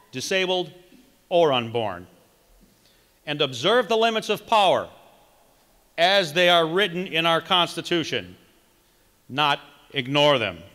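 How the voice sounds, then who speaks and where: A middle-aged man with a bright, slightly high voice delivers a read campaign speech with measured emphasis. His voice rings out through a podium microphone in a large hall with a long echo. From Wisconsin. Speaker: political candidate. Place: large conference hall, indoors.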